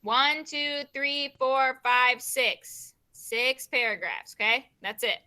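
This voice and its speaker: A young woman teacher leading an online grammar class over a video call, brisk and given to repeating her prompts. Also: high voice, pushed and bright, smooth.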